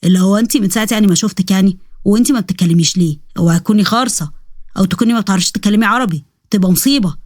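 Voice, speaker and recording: A woman's voice: mid-range voice, rapid-fire, a little mellow, no room sound, clean studio sound, close to an everyday voice. A woman doing a chatty, boastful young Egyptian man. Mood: excited. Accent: Egyptian Arabic. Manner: chatty, joking, rambling. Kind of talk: storybook narration with character voices.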